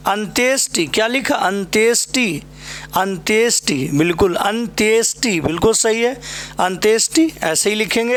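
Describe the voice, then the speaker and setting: A man with a north Indian Hindi accent runs a spelling drill for exam aspirants. His voice sits high, and he takes his time, saying each word several times. He keeps checking in with short tag questions. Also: a bit bright. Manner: addresses students fondly as "बेटा" and "भाई मेरे". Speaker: Hindi exam coaching teacher. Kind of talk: spelling lesson at a board.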